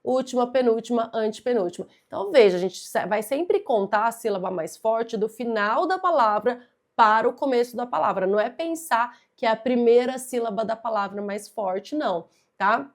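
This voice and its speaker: In this exam-prep grammar lesson, a young woman who teaches Portuguese addresses the student directly at a moderate pace. Her voice sits on the high side and is expressive; she is patient and methodical and leans on key words.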